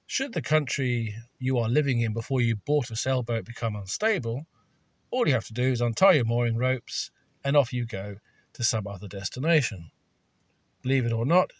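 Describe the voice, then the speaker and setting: A man's voice: mid-range voice, dry recording. A man reading a scripted voice-over with dry, sardonic humour. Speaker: video narrator.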